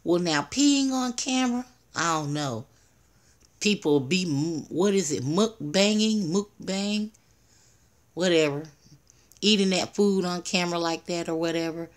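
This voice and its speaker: A woman's voice: lowish voice, measured pace. An older woman chatting casually on a live stream at home through her tablet's built-in mic, rambling, greeting viewers and laughing at herself. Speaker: livestreamer.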